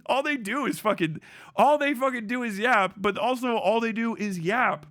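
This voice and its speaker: This man's voice is very high and a bit bright, delivered at normal speed with clean studio sound and no room sound. He's hosting a livestream, offering casual, profane commentary to a live audience in a sarcastic, incredulous tone and often repeating phrases for emphasis.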